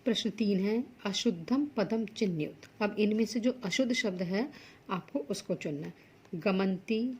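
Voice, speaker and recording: A woman's voice: medium pitch, a little mellow, breathy edge. A woman teaching Sanskrit to school students, working through textbook exercises. She reads each Sanskrit word and then explains it plainly in Hindi.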